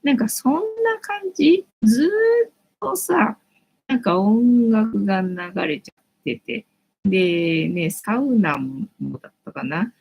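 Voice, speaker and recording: A woman's voice: medium pitch, expressive, unhurried, a little mellow, slightly rough, poor audio. A woman in her late forties hosting a casual late-night chat stream, rambling and thinking aloud with lots of fillers. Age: 40s. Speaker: live-stream host.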